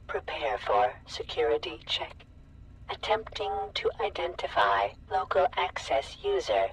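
A stern male security computer from a video game, its processed voice set a little high and swinging widely in pitch as it reads out slow, clipped warnings. It talks in formal system announcements. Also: gravelly, a bit bright, slight background noise, exaggerated voice, rough recording.

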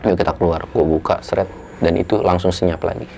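A man's voice: deep voice, fast talker, vocal fry, a little hiss or hum. Slangy young man. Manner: animated, coarse slang, acts out quotes with sudden raised voice. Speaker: storyteller guest. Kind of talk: casual storytelling.

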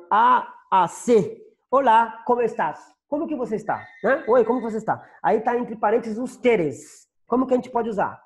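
A man's voice: high voice, darkish tone. A man with a Brazilian Portuguese accent teaching an online Spanish class, patiently repeating and translating each phrase.

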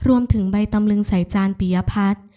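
Audiobook narrator, woman, mellow and even. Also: medium pitch, brisk. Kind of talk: scripted narration.

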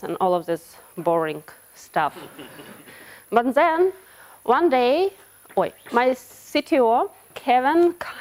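Woman giving a tech talk. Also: a little high. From Ukraine. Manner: hesitant, frequent restarts and broken-off words. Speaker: conference speaker, web XR developer. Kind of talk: conference talk with slides. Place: conference hall.

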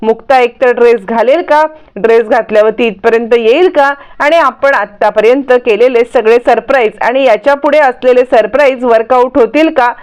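High-voiced woman retelling a drama. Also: smooth, lo-fi sound. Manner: lively, dramatic storytelling. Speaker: narrator. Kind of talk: retelling a TV serial episode.

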